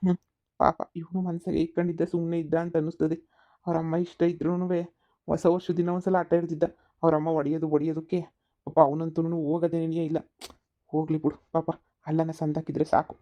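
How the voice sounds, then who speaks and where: A woman voicing a calm, resigned middle-aged village husband in a cartoon, speaking slowly and soothingly. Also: low voice, muffled recording, lightly acted. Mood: subdued.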